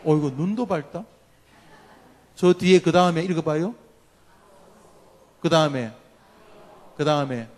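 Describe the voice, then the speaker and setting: A man's voice: a little high, a little slow, pauses often, darkish tone. A man preaching as a pastor, blessing the congregation's children and leading them through a long list of names to pray over. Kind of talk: sermon and congregational prayer. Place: church sanctuary. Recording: long church hall reverb.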